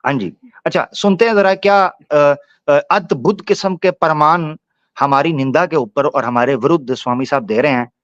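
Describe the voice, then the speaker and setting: A man hosting a live-streamed panel discussion, telling the story in a mocking, animated way. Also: a little high, moderate pace, no room sound, highs cut off. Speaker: debate show host.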